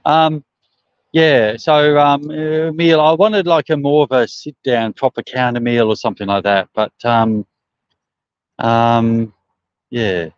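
Broad Australian bloke, dull phone sound. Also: male voice, medium pitch, fairly even intonation, slow, clear, resonant tone, no room sound. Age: middle-aged. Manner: rambling, hesitant, colloquial. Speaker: truck driver livestreaming. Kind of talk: casual live chat answering viewer comments. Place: outdoors on a service station forecourt. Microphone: phone propped at about arm's length. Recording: dull, slightly muffled phone livestream.

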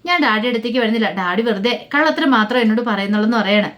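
A woman's voice: on the high side, quick pace, fairly bright tone, natural voice. A woman voicing a chatty little girl. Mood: coaxing. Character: little girl, curious and coaxing.

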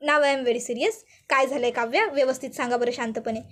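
A woman's voice: sits high, steady tone, brisk, fairly bright tone. Woman doing a teasing young husband. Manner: joking, coaxing, second-guessing himself.

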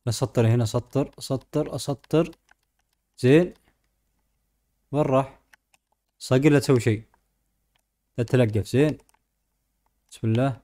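A man with a Gulf Arabic accent hosts a gaming video in a medium-pitched voice. He comments casually on what he is doing, speaking informally to himself and to the animals in the game. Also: dark tone.

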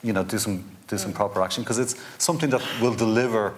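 A man's voice: on the low side, quick pace, slight background noise. A man, arguing urgently and insistently on a conference panel. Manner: urgent, insistent, stumbles on restarts. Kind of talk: panel discussion. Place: indoor conference stage.

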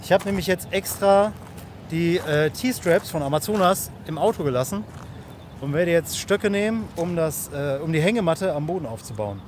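Recording on a handheld smartphone at a riverside campsite, a higher-voiced man vlogs about camping, joking colloquially with the camera and a companion. He talks at normal speed with lively intonation, and faint outdoor noise comes through the phone audio.

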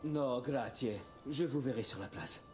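A man's voice: mid-range voice, measured pace, darkish tone, soft background music, natural voice. An actor voicing an anxious young nobleman in French-dubbed video game dialogue, talking urgently and stammering. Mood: grateful. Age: young adult. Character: young nobleman, anxious and breathless, eager son.

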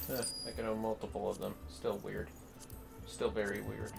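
This streamer's voice is lowish and fairly flat, with vocal fry, at a normal pace over music. Hosting a casual gaming session from home, he talks to himself and throws jokes to his viewers.

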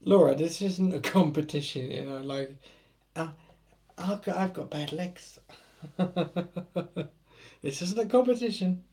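A British host chats on a live stream in a loose, joking way, often breaking into laughter. His delivery is slow and unhurried, and his voice has a mellow, soft-edged tone. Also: fairly high pitch. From United Kingdom. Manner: jokey and joshing, laughing often. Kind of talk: casual live-stream chat.

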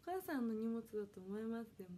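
A woman in her early twenties from Kanagawa chats on a home livestream in a high, mellow voice. She is polite and reads viewer comments aloud, apologizing often. Faint noise sits under her voice. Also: expressive, fast. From Kanagawa, Japan. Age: 20s. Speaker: idol audition livestreamer. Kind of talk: casual solo livestream chat.

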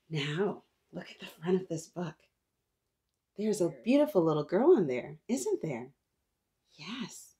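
With a husky, mid-range voice, this woman in her thirties leads a children's storytime. She reads aloud with plenty of expression and talks to her young audience as if they were responding.

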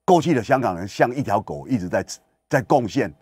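A man's voice: lowish voice, very animated, brisk, darkish tone, breathy edge, dry recording. A man hosting political commentary on the radio, lecturing emphatically and firing rhetorical questions at his listeners. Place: radio studio.

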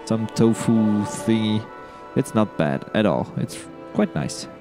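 Chatty low-voiced man gaming. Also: lively intonation, takes it slowly, music in the background. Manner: rambling, chatty, trips over his words; giddy and upbeat this session. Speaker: let's play host. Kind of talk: casual gameplay commentary.

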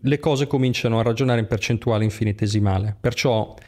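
A man with an Italian accent chatting casually about money and investing, telling animated anecdotes and acting out quotes. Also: fairly low pitch, quick pace. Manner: animated storyteller, acts out quotes. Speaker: guest, online entrepreneur. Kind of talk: casual podcast conversation.

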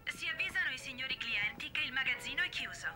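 An actress playing a store announcer, speaking formally over a shop PA loudspeaker and repeating her notice. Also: high-pitched, expressive, quick pace, over loud music. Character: female store announcer, plain and businesslike.

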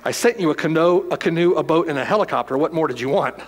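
A man's voice: on the high side, quick pace. A man voicing God as the punchline of a sermon joke, matter-of-fact and exasperated.

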